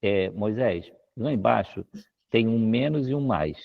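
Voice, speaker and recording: A man moderating an online meeting, patiently walking someone through the steps on screen. His voice is husky with a gravelly texture, and the call audio sounds dull and lo-fi. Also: fairly low pitch, animated, unhurried. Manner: patient, directive. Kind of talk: casual tech help on a video call. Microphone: video call.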